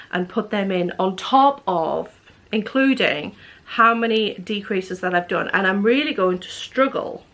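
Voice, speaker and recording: A woman's voice: medium pitch, a bit bright. A woman vlogger chatting casually to camera, rambling with many fillers and restarts. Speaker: knitting vlogger.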